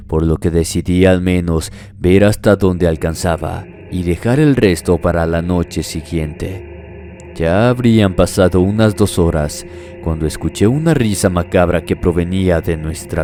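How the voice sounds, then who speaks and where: A man reading a horror story aloud as a scripted narration, in a slow, measured storytelling manner. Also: low voice, warm tone. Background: faint music.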